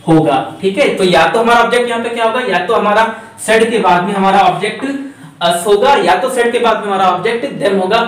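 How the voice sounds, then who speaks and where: A man's voice: sits high, distant mic. Echoey man teaching grammar. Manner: chatty, repeats points, asks and answers himself. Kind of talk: lecture. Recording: echoey room, voice from off the mic.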